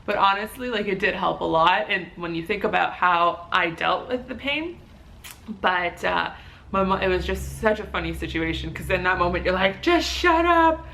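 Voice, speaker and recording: A young adult woman vlogger casually telling a personal story, animated and full of filler words, acting out what others said. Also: fairly low pitch, normal speed, creaky, slight background noise. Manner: animated, acts out quoted voices, many fillers like "like". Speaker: vlogger and new mother.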